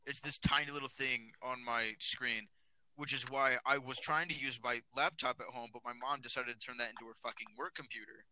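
A teenage guy hosts a loose podcast chat with his friends, recorded on a phone. His voice is very bright and ringing, and he talks in rambling bursts full of "like" and false starts. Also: mid-range voice, fairly even intonation, brisk, dry recording, low-quality recording. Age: teens. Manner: rambling, many fillers. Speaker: podcast host. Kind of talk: casual chat.

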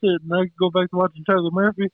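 A man's voice: high voice, flat delivery, very fast, dry recording. A man calling in to a casual podcast chat, his voice muffled as if from inside a fishbowl and laid-back with plenty of swearing. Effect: muffled call audio, like a voice inside a fishbowl. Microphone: remote call. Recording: tinny phone-like call line.

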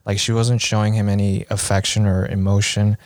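A man's voice: fairly low pitch, level tone, a little fast, no echo, clean studio sound. A man in a casual chat, telling a story hesitantly with many fillers.

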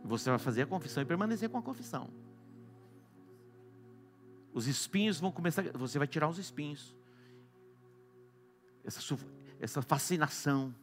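A Brazilian man preaching a sermon, swinging between loud exclamations and soft hushed lines. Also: fairly high pitch, expressive, normal speed, long pauses, faint music behind. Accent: Brazilian Portuguese. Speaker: apostle preaching.

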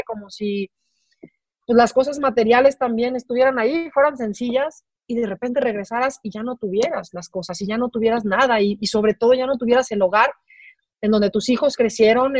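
A middle-aged woman with a Mexican accent, telling a personal story as an interview guest, halting and repeating words as her voice breaks with emotion. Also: a little high, a little mellow, no room sound. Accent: Mexican Spanish. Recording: dry, slightly dull recording.

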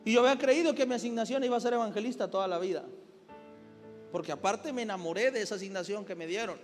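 High voiced male pastor preaching, echoey church, soft music behind. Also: quick pace. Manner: preaching with rising intensity and repeated "amén". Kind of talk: sermon.

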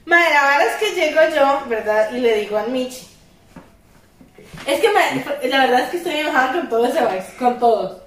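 Woman, Costa Rican accent, high voice, casual podcast chat, animated, distant from mic, very echoey room. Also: normal speed, slight background noise. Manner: animated storytelling, laughing often. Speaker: podcast co-host.

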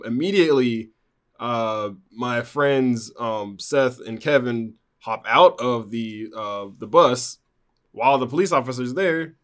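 A man's voice: mid-range voice, a bit bright, clean tone. A man recounting a personal story in casual conversation, rambling with many fillers and restarts. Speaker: guest telling a personal story.

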